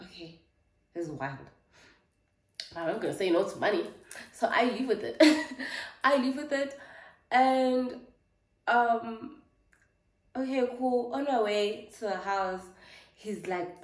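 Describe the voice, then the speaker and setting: A woman's voice: a little high, measured pace, darkish tone, reverberant. A South African woman in her twenties telling a storytime vlog in a chatty, filler-heavy way. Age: 20s. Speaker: vlogger. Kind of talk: casual storytime chat.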